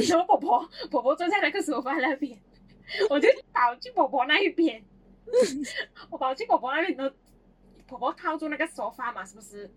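High, lively woman. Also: moderate pace. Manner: animated, laughs often while telling stories. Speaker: podcast co-host. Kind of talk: casual chat, childhood storytelling.

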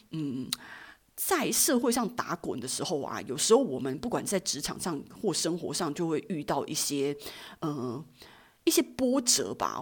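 A middle-aged woman tells a story from her working life in a casual monologue. Her voice sits low and has a husky, breathy edge, and her pitch swings widely as she acts out each side of the exchange. She talks with plenty of fillers and restarts. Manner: animated, acts out both sides of a dialogue. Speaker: podcast host.

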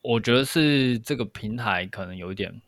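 A man's voice: medium pitch, expressive, normal speed, fairly bright tone, no room sound. A man co-hosting a podcast, explaining things step by step in casual discussion. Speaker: podcast co-host.

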